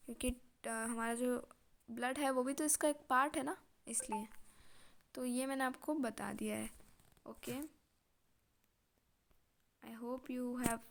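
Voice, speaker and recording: A young woman teaching a revision lesson, reading English definitions slowly and then explaining them in casual Hindi. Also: fairly high pitch.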